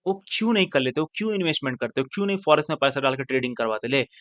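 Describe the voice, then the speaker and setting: Male trading teacher, blunt and slangy, middle-pitched voice, dry recording, loud urging then quiet muttering. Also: animated, rapid-fire, no echo. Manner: blunt, slangy, repeats phrases, drops into mixed English. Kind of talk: casual screen-share trading lesson.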